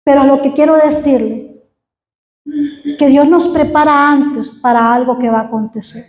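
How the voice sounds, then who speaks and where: A middle-aged woman giving an earnest testimony as a sermon, halting and restarting often. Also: high-pitched, fairly even intonation, a little mellow, roomy sound, highs cut off. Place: church hall.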